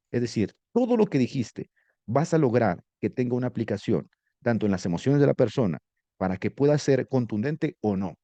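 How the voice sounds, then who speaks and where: Man, classroom lecture, warm tone, dry close sound. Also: mid-range voice, dry recording. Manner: animated, asks the class questions. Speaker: rhetoric teacher.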